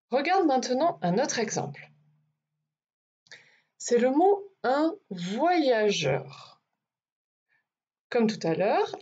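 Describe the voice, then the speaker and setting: Slow, deliberate woman teaching phonics. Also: medium pitch, darkish tone, breathy edge, lo-fi sound. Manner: slow, deliberate, over-articulated sounds. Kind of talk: phonics lesson for young children.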